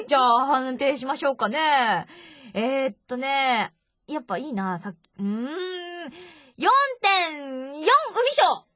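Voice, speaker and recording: A woman's voice: high-pitched, lively intonation, unhurried, fairly bright tone, dry recording. A woman co-host chatting casually, teasing and laughing often. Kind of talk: casual radio-show chat.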